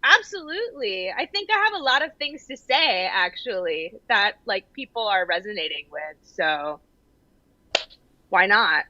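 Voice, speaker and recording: A young woman with a bright, forward voice chats casually as a guest. She talks in a halting, self-deprecating way, full of little hedging words. The sound is close and dry, though a little dull, like a video call. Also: mid-range voice, very animated, no echo. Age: young adult. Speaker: guest playwright. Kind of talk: casual interview chat. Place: small room at home, indoors. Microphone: computer mic on a video call.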